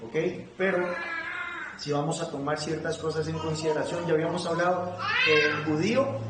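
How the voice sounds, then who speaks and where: A man's voice: on the high side, fairly even intonation, moderate pace. A man from Costa Rica leading a church Bible study, reading scripture aloud and quizzing his group with questions. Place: church meeting room. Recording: echoey room, far from the mic, noisy.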